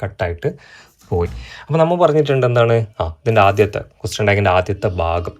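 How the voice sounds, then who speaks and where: A man runs an exam-prep grammar lesson, posing questions to the class and answering them himself while spelling out example sentences very slowly. His voice is lowish and expressive.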